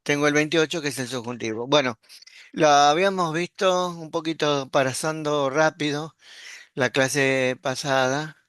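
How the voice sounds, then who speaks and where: Male language teacher, smooth clear voice, unhurried online lesson. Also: fairly high pitch, fairly even intonation, a bit bright, no echo, clean studio sound. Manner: patient, explanatory, checks in with "¿sí?". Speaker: Greek teacher. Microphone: computer mic while screen sharing.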